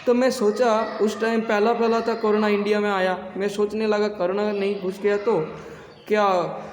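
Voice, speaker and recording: A man teaching yoga in a casual, halting way, with many restarts and some throat clearing. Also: sits high, little pitch movement, reverberant, in a large hall, slight background noise. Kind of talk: casual spoken instruction.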